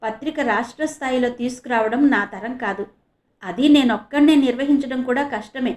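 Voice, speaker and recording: A woman's voice: a little high, fairly quick, darkish tone, close to an everyday voice. A woman voicing an earnest young reporter.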